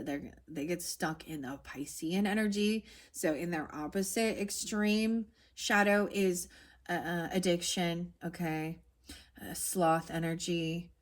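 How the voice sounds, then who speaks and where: A woman in her forties with a somewhat low-pitched voice gives a casual spoken tarot reading. She rambles, circling back on herself with lots of "um" and "like" and frequent restarts. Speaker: tarot reader.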